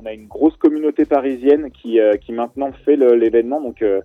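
A man's voice: mid-range voice, fairly quick, no room sound, phone-quality sound, soft background music. A man, guest on a radio talk show, chatting casually about an event he organizes, with many fillers and restarts. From France.

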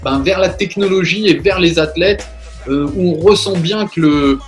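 A man's voice: high-pitched, normal speed, soft background music. Hesitant man hosting a chat show. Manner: hesitant, many fillers and restarts. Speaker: radio show host. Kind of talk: casual chat over video call. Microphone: video call.

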